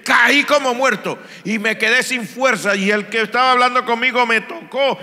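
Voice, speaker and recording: A man's voice: very high-pitched, moderate pace, bright, forceful tone, in a large hall, pitched above the performer's own voice, full character voice. A Colombian man preaching, voicing the prophet Daniel as a shaken, weakened man pleading after a vision. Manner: pleading, trembling plea.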